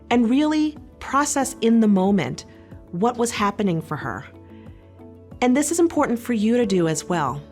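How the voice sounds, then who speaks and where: Calm, reassuring woman speaking. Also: medium pitch. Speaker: social worker. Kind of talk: scripted educational talk.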